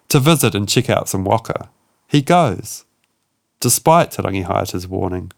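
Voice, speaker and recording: A man narrating a history documentary in a measured, dramatic way. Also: medium pitch, dry recording, studio quality. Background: soft music.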